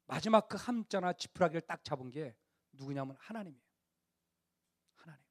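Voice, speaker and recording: Preaching to young adults, this middle-aged pastor speaks a little fast in a high-pitched voice. His animated sermon swings between a casual, story-driven tone and loud, near-shouted emphasis, and he plays out quoted dialogue in an easy, conversational way.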